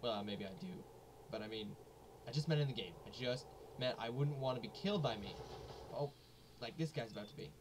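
Excitable man narrating a shooter game. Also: mid-range voice, a little fast. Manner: excitable, jokey, keeps repeating "hold on". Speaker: gaming YouTuber. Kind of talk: let's play commentary. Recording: noisy home recording.

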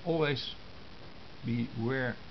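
A Dutch amateur radio hobbyist speaks slowly and haltingly in a medium-pitched voice, offering short phrases with pauses as he walks through hand-drawn diagrams. His informal tutorial comes via a compact camera's built-in microphone, muffled and hissy.

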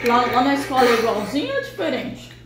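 A woman chatting casually with a small child, explaining and gently instructing. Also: high voice, wildly swooping pitch, fast. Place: indoor home kitchen. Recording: echoey noisy kitchen, clinking cutlery.

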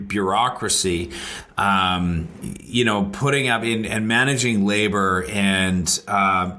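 A man's voice: fairly low pitch, sharp tone. A man hosting a podcast, asking long, winding questions full of fillers. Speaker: podcast host. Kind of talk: interview questions.

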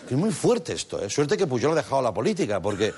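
A man's voice: mid-range voice, sing-song, quick pace, darkish tone. A man hosting a late-night comedy show, delivering a mocking monologue full of playful asides. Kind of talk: comic monologue. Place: TV studio with a live audience. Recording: studio audience and noise.

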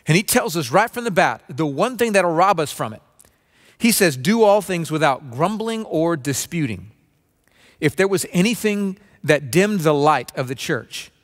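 A man in his forties preaching a sermon from a stage, earnest and conversational, often restarting phrases and mimicking a low grumble. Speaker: pastor. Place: dim stage with spotlights, seated at small table.

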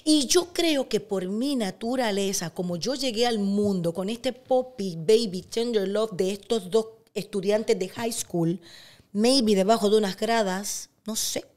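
A middle-aged woman with a Cuban accent, a guest in an interview, telling personal stories in a lively way. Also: mid-range voice, a little slow. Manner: animated storyteller who acts out quotes. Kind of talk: casual interview storytelling.

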